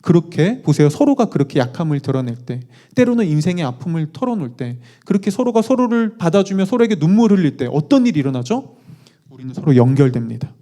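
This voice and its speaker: A male pastor delivers a conversational sermon with an animated, questioning manner and light self-deprecating asides. His voice sits somewhat high for a man yet sounds mellow and dark. The pitch moves widely from phrase to phrase. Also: quick pace.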